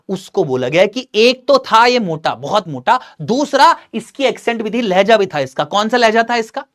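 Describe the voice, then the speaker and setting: A man's voice: sits high, a bit bright. Man reading and explaining a story in lessons. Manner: reads English text slowly, then explains briskly in Hindi. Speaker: English teacher.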